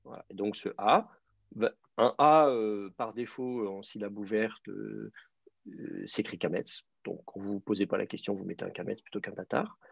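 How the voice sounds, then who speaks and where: Teaching a beginners' biblical Hebrew class online, a man speaks at normal speed in a low-leaning, gravelly voice with a steady tone. He explains at length, full of fillers and restarts, and the recording has a dull, dry lo-fi quality.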